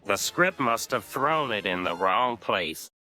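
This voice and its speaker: A man putting on a disguised, pitched-down deep voice for an eerie self-aware cartoon figure, chanting slowly and ominously. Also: animated, bright, forceful tone, soft background music, full character voice. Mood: flat.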